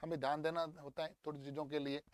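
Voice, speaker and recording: A young man teaching English grammar in a lively, coaxing way, walking through an exam paper and drilling words aloud. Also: on the high side, quick pace, no room sound. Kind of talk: exam paper walkthrough lesson.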